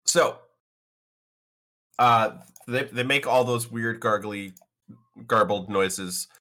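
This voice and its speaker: A man's voice: mid-range voice, slow, bright, forceful tone. A man narrating as game master of a tabletop game, hesitant with many fillers.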